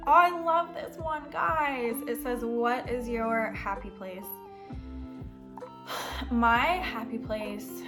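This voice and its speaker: A young American woman talks through a casual question-and-answer vlog, pitched a little high and taking her time. She rambles in a chatty way, full of filler words, with faint music under her voice. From United States. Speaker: associate worship pastor and singer.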